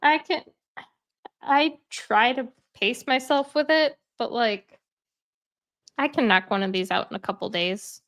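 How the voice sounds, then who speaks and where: Sitting in bed at home, a woman hosts a casual chat about hobbies, rambling along with lots of fillers and sounding a bit congested. Her voice is on the high side, fairly bright and unhurried.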